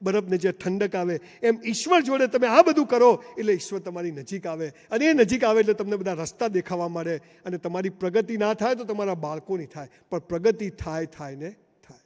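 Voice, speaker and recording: A man's voice: sits high, expressive, brisk, hardly any pauses, darkish tone. A man giving a live motivational seminar speech in a large hall, telling stories emphatically and addressing the crowd directly. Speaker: motivational speaker. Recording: long hall reverb.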